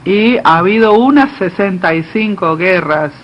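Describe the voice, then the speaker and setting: A man giving live simultaneous interpretation of a political speech, delivered haltingly, phrase by phrase. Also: high-pitched, animated. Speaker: conference interpreter. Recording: dull lo-fi feed, faint background noise.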